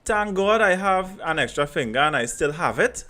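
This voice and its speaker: This podcast host, a man with a Trinidadian accent, chats casually and spins anecdotes in lively Creole, repeating phrases for emphasis. His voice sits on the high side and moves at a normal speed.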